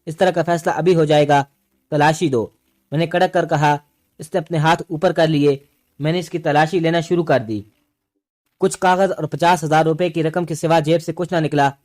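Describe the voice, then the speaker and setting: A man narrating a first-person story with steady, dramatic storytelling. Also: a little high.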